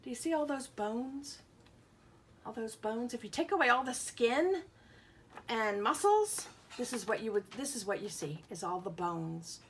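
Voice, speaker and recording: With a fairly high, fairly bright and expressive voice, a woman teaches young children a little slowly, against slight background noise. She reads a picture book aloud, keeps explanations simple, asks questions, and sounds out letters and words with emphasis.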